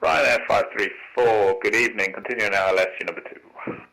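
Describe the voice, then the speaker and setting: Bright, low-voiced male tower controller on radio. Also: fairly even intonation, brisk, creaky, low-quality recording. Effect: aviation radio. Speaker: air traffic tower controller. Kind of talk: air traffic control instructions over radio.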